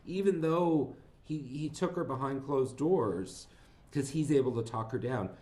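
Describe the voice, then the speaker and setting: A man's voice: medium pitch, a little slow, a little mellow. A man co-hosting a podcast, chatting casually about films, rambling and laughing as he retells scenes. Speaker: podcast co-host. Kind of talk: casual film discussion.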